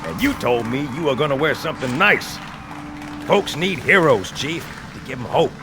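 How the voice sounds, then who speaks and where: An actor playing a cocky, wisecracking veteran marine sergeant with a folksy, jovial swagger in a game cutscene. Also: male voice, medium pitch, expressive, moderate pace, music in the background, natural voice. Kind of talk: science-fiction game cutscene acting.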